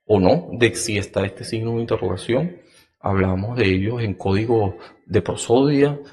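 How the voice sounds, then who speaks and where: Guy podcasting, slow and careful, lots of "eh", lowish voice. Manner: slow, deliberate, with many fillers and restarts; acts out example phrases in a raised, sing-song pitch. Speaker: podcast host. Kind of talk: explanatory podcast talk.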